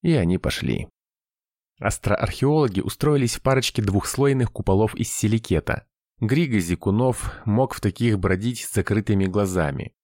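Low-voiced man narrating an audiobook. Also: moderate pace, a little mellow, no room sound, clean studio sound.

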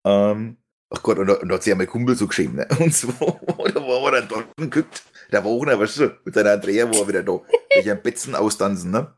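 A man's voice: on the low side, lively intonation, quick pace, a little hiss or hum. A young man telling rambling, laughing anecdotes in a casual stream chat. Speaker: stream host telling a story.

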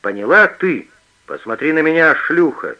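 Male narrator voicing a menacing young thief, sneering to hissed threats, lively pitch, muffled audiobook. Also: normal speed, heavily acted. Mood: threatening.

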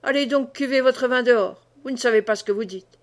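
A woman voicing a sharp-tongued, scornful peasant mother who scolds quickly. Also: a little high, natural voice.

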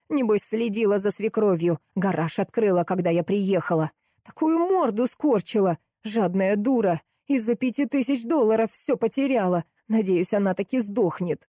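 A woman reading an audiobook, voicing a cruel, greedy older woman who speaks slowly and with cold contempt. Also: medium pitch, animated, mellow, dry recording, studio quality, natural voice. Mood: contemptuous. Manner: contemptuous, slow and hissing.

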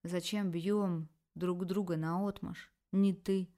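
A woman reading a first-person erotic novel aloud in an expressive, emotional way. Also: fairly low pitch, slow. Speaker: audiobook narrator.

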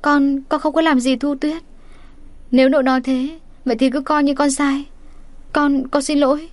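A woman voicing a proud young woman, indignant and then hoarse as she fights back tears. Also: sits high, little pitch movement, normal speed, a little mellow, dry recording, pitched above the performer's own voice, lightly acted. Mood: choked.

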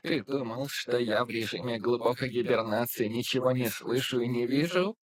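A man voicing a grumpy, sarcastic male robot with a creaky, grating, squeaky voice, drawing out his mocking lines. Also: close to an everyday voice. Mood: sneering. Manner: mocking, drawn-out, condescending. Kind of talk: audiobook narration with character voices.

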